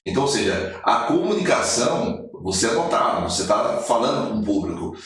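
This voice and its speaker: A man in his forties with a somewhat low voice tells his life story as a guest on a podcast. He is an animated storyteller who acts out the lines he quotes. The room is very echoey and he sits a little back from the mic. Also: brisk, far from the mic. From Brazil. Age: 40s. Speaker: podcast guest, motivational speaker.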